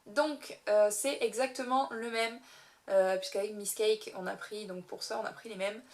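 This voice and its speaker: A young woman talks through her recent beauty purchases in a relaxed, chatty way, with frequent giggles and plenty of hesitations and restarts. Her voice sits at an ordinary middle pitch. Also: normal speed. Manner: chatty, giggly, many fillers and self-corrections. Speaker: beauty vlogger. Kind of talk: casual haul video chat.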